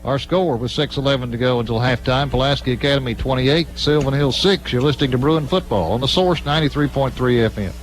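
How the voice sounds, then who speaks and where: A fast-talking man of medium pitch, barely pausing, gives live radio football commentary on poor-quality audio. He describes the play in clipped, running phrases in the present tense.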